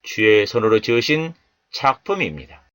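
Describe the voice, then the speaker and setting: A man teaching English Bible verses and pronunciation, saying each word slowly and more than once before explaining it. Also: medium pitch, very animated, fairly bright tone, dry recording. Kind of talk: slow, deliberate pronunciation lesson.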